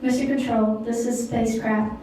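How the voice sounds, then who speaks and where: Mellow woman on a sci-fi communicator intercom. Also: a little high, fairly even intonation, moderate pace. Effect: heard over an intercom speaker in a sci-fi mission role-play. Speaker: spacecraft comm officer in a class simulation. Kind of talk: formal radio protocol, signing off with "over". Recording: echoey intercom sound from far off with faint noise.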